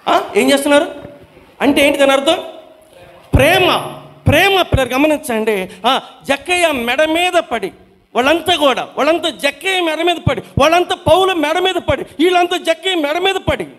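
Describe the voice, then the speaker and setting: Guy with a really high voice teaching bible study, keeps asking the group questions and answering them. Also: fairly quick, fairly bright tone, big-room sound. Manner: repeats questions to the class and answers them himself; addresses listeners as children.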